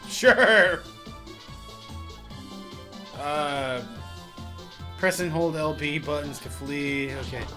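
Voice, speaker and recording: A man's voice: fairly high pitch, extremely slow, pauses often, bright, forceful tone, soft background music. A young man co-hosting a let's-play, laughing, swearing and reading game text aloud in casual commentary. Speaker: co-host playing a video game.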